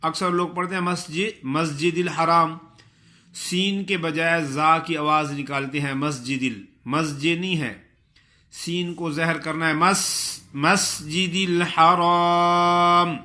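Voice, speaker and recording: Guy teaching quran recitation, super bright tone, talks it through then chants the verse long and melodic. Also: fairly high pitch, steady tone. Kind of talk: tajweed lesson with chanted recitation.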